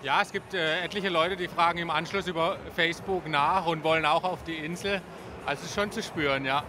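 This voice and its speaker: A man in his thirties talks casually as an interview guest. His voice is slightly high, with clear tent noise in the background. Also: steady tone, brisk. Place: busy festival beer tent. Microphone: handheld reporter microphone held to him. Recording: noisy busy tent behind the voice.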